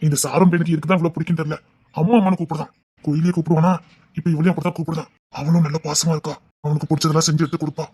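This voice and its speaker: Brief: a gentle, unhappily married young man, husky and quick, quiet and consoling. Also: a little high, level tone, no echo. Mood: confiding. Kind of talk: TV serial melodrama.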